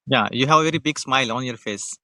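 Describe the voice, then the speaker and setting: A man's voice: mid-range voice, fast, sharp tone, no room sound, studio quality. A man from India with an Indian English accent, hosting a friendly, teasing English practice chat over a video call and repeating his questions. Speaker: conversation practice host.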